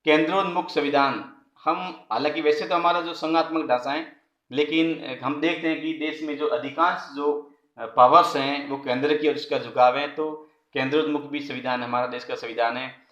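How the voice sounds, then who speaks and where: A man teaching an online college class, his voice sitting fairly high for a man. He explains step by step, repeats key phrases and fills pauses with "uh". The room around him rings with echo. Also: fairly even intonation, fairly bright tone, highs cut off. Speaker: college political science lecturer.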